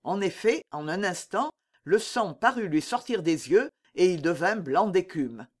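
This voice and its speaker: Narrator for a classic adventure audiobook; animated, rising and falling delivery. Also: medium pitch, unhurried. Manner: lively, animated storytelling. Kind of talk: expressive audiobook reading of a classic novel.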